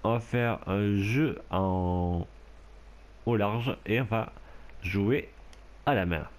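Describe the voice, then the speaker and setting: A man commentates casually on his own rugby video game match, getting worked up, shouting and laughing at the play. His voice is lowish and he takes it slowly.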